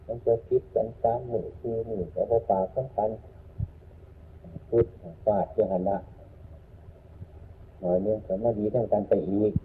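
A man with an Isan accent giving an unhurried Buddhist dharma talk as a monk, repeating his points and humming between phrases. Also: lowish voice. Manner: unhurried, repetitive teaching with frequent hums. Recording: tinny phone-like lo-fi sound with faint noise.

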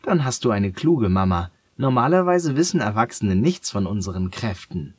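A man with a husky voice voicing a cheerful, kind young girl who wears leg braces, in a storybook reading. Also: fairly low pitch, very animated, normal speed, no echo. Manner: bright, coaxing storybook girl voice.

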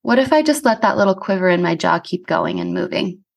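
A woman's voice: medium pitch, animated, a little fast, creaky. Earnest woman podcast host, casual and reflective. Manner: earnest, casual, frequent "like" fillers. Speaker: somato-emotional release practitioner. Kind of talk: reflective personal monologue.

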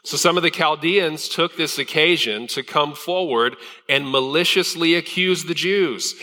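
A man's voice: fairly high pitch, measured pace, pushed and bright. A male pastor preaching a sermon in a church sanctuary, conversational with fillers and restarts, heard with a long hall reverb.

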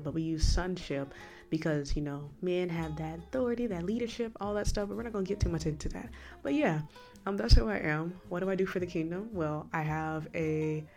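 A woman with a low voice hosts a casual faith podcast, talking in a chatty, rambling way and turning often to address the listener. A slight lisp from a new retainer colors her words, and faint music plays behind her. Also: darkish tone. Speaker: podcast host.

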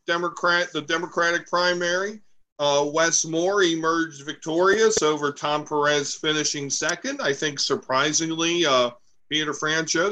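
A man's voice: on the high side, sharp tone, slight background noise, poor audio. A man co-hosting a casual political chat show, joking and rambling with playful asides. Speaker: podcast co-host. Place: home, recorded remotely.

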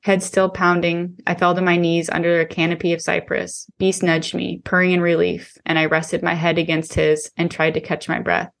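Woman, author narrating, low pitch, flat delivery, steady measured reading. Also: gravelly. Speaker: author reading her own novel. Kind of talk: first-person audiobook narration.

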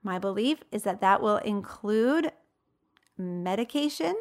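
A woman in her late thirties hosts and coaches in a motivational talk, her medium-pitched voice lively in intonation and a little slow. Her delivery is emphatic and conversational, with rhetorical questions.

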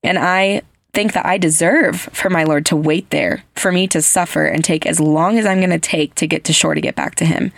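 Gravelly, chatty woman podcast host. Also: lowish voice, fairly even intonation, normal speed, few pauses, no echo. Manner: chatty, heavy use of "like" fillers; earnest, gushing storyteller. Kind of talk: casual chat.

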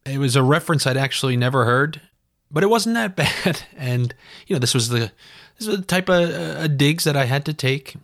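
A man, hosting a comedic podcast monologue. He rants sarcastically, pokes fun at himself and rambles through his stories in an average-pitched voice. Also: a little fast, a bit bright, no room sound, clean studio sound. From New York. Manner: sarcastic, ranting, self-deprecating. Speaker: podcast host.

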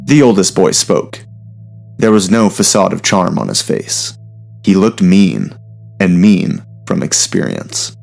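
A man narrating a story in a steady, measured reading voice. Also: sits low, creaky.

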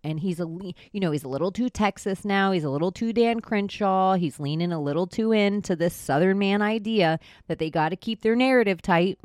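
A woman vlogger gives an opinionated rant at a medium pitch. She is blunt and sarcastic, with colloquial phrasing, and the sound is close and dry with no room echo. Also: fairly quick, few pauses.

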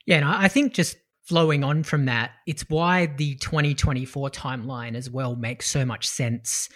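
Mid-pitched man giving analytical market commentary. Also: normal speed, fairly bright tone. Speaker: podcast co-host.

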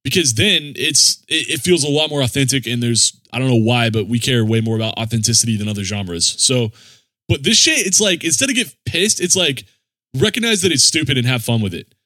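A man hosting a casual music podcast, with a bright, forceful voice that swings widely in pitch. He talks in sweary bro slang, recorded close and dry. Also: lively intonation, a little fast, no echo. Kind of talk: casual chat.

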